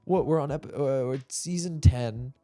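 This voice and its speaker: A man's voice: mid-range voice, a little slow, dark tone, faint music behind. A man co-hosting a podcast in casual chat, joking and swearing with frequent laughter. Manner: joking, profane, laughs often. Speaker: podcast co-host.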